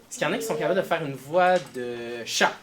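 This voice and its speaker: A man's voice: on the high side, quick pace, heavy background noise. A man teaching a class of children, asking them questions as he goes. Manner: lively, questioning pupils.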